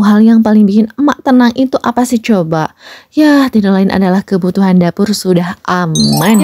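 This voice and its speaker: Chatty mum vlogger with a mellow voice. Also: female voice, medium pitch, dry recording. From Indonesia. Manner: chatty, playful, talks to fellow mothers. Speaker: vlogger and homemaker. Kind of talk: casual vlog voice-over.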